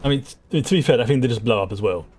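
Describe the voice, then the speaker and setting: A man's voice: medium pitch, very fast, a little mellow. A man giving casual, chatty game commentary, thinking aloud as he plays. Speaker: gamer, host of a playthrough.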